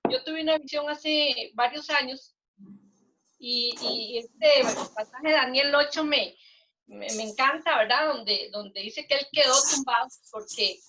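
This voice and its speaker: Earnest older woman, high bright voice. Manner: earnest, halting, with many restarts. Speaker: guest sharing a testimony. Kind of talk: casual interview testimony. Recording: dull lo-fi recording.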